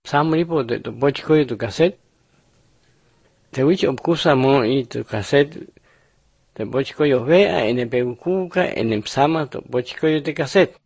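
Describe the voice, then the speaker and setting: A man narrating numbered Bible picture lessons in a steady, measured reading style. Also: mid-range voice, creaky, slightly rough, dry recording. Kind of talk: scripted religious narration.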